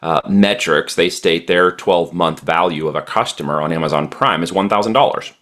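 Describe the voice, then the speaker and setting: A man's voice: low-pitched, a little fast, a bit bright. A man guest on a podcast interview, explaining e-commerce strategy in a confident, emphatic way with frequent fillers.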